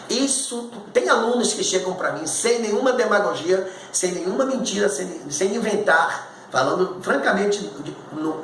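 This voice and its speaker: Lively Brazilian man teaching pronunciation. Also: high-pitched. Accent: Brazilian Portuguese. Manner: repeats sounds for drilling, animated. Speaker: English teacher. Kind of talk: casual pronunciation lesson. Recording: echoey room with faint noise.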